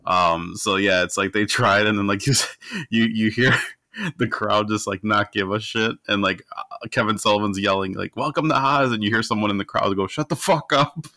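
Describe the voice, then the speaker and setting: A man's voice: lowish voice, steady tone, moderate pace, sharp tone. A man co-hosting a casual podcast, telling a rambling, amused story. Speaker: podcast co-host.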